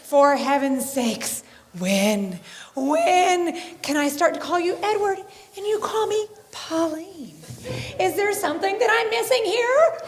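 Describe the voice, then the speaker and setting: An actress doing a sweetly sarcastic small-town wife who draws her words out slowly while her high voice swoops up and down for effect. The sound is live stage audio with a long hall echo and faint noise. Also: expressive, heavily acted. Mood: teasing. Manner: drawn-out, coy and sarcastic, gasping for effect. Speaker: shopkeeper's wife Missus Barnum. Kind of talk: community theater stage acting.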